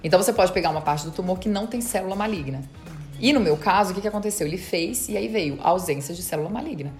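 A woman guest on an interview podcast, casually recounting her story in a fast, chatty way and quoting past conversations. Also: on the low side, lively intonation, darkish tone, faint music behind. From Brazil. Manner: fast, chatty retelling with quoted dialogue. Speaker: dentist and marathon runner.

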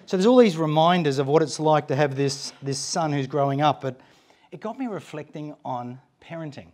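A man in his forties gives a relaxed, conversational church talk, and his voice sits a touch higher than most men's. He tells funny family stories with lively energy and acts out the voices of the people in them. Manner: animated storytelling, acting out quoted voices. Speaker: guest speaker at a church. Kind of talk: informal sermon with humorous anecdotes.

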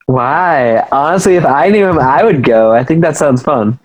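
A man's voice: fairly high pitch, normal speed, dry recording, rough recording. A man hosting a casual podcast chat, asking questions and laughing easily, explaining things at length. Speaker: podcast host.

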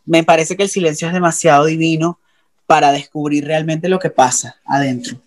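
A man's voice: a little high, steady tone, fairly quick. A man hosting a casual podcast chat, upbeat and affectionate with his guests. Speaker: podcast host.

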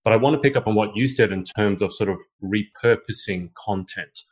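Deep-voiced man hosting a podcast. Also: brisk, breathy edge. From Australia. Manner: chatty, thinks aloud, frequent restarts. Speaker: podcast host. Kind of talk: conversational interview.

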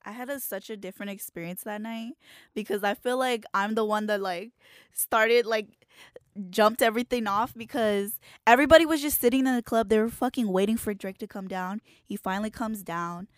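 A woman's voice: mid-range voice, a little fast, dry recording, clean studio sound. A woman in casual chat, telling her side of a story bluntly and with plenty of swearing. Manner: blunt, profane, laughs easily.

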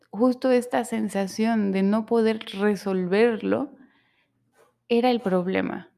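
A young adult woman hosting a podcast tells a personal story in a candid, emotional, confessional monologue, quoting her own inner speech. Her medium-pitched voice is creaky and warm.

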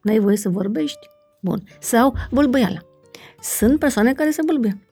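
A middle-aged woman talks in an unhurried, conversational way, pausing on fillers and checking with "right?" as she explains. Her voice is mellow and warm with a gravelly edge. Faint music sits underneath. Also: a little high, expressive. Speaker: family constellations facilitator, guest.

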